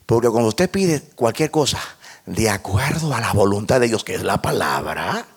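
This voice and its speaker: Delivering a sermon to his congregation, this man speaks in a lowish, slightly rough voice with animated energy and moderate speed. He circles back and restarts words as his argument grows, questions the audience, and ranges from quiet murmurs to almost shouting.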